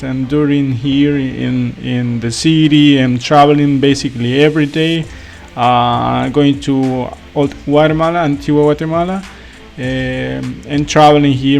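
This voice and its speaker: A travel vlogger from El Salvador gives a casual travel review in English, his second language after Spanish, full of fillers, restarts and apologies. His medium-pitched voice is creaky and darkish.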